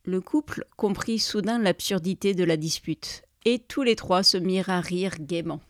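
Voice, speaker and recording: A woman host reading a folk tale aloud and then reflecting on it, in a calm, measured voice. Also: on the low side. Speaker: storyteller and podcast host. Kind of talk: storytelling and reflective commentary.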